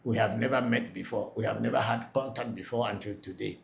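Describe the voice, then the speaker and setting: A man with a gravelly, mid-pitched voice speaks a little fast as a Vodu priest hosting a live Q&A, reading questions aloud and answering them. He's blunt and plain-spoken, repeating himself for emphasis. The room is echoey, with faint background noise.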